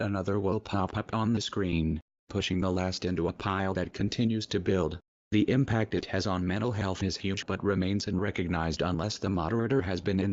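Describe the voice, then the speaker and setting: A man reading a scripted protest message in a solemn, measured, declamatory way, his voice disguised and artificially deepened. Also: lo-fi sound.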